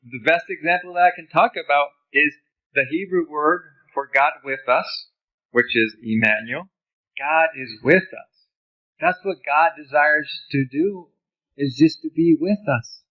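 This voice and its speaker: A man's voice: a little high, measured pace, dull audio. A man who grew up in Honduras, teaching about ministry in a conversational lecture over slides, with personal stories.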